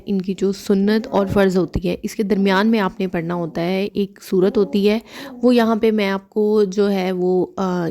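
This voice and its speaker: A young adult woman from Pakistan giving earnest, casual spoken advice in a vlog, repeating herself and often pausing with "um". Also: medium pitch, mellow. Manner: earnest and repetitive, with many "um" fillers. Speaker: vlogger.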